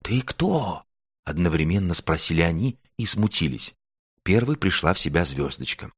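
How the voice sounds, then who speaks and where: A man narrating a children's fairy tale, with animated storybook telling. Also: low voice, moderate pace, no room sound, studio quality. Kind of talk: storybook reading.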